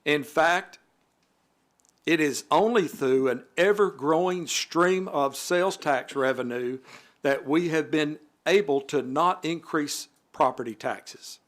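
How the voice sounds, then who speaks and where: A man's voice: fairly high pitch, takes it slowly, a bit bright. A man on a city board, reading prepared remarks at a council meeting in a formal manner. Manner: formal, reads prepared remarks with occasional asides. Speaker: city alderman.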